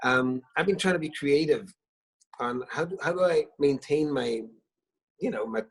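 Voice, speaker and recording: Poor audio captures a fairly high, breathy voice at a moderate pace. The speaker, a middle-aged singer-songwriter guest born in Israel with Hebrew as his first language, is at home in his living room on a video call, telling warm stories hesitantly with many restarts and fillers.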